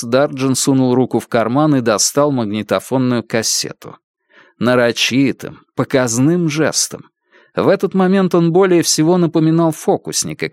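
A man reading an audiobook in measured, expressive scripted narration. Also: mid-range voice, dry recording, studio quality.

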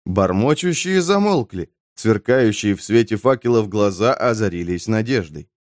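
A man narrating a fantasy audiobook in an expressive storytelling voice. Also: on the low side, moderate pace, no echo, clean studio sound.

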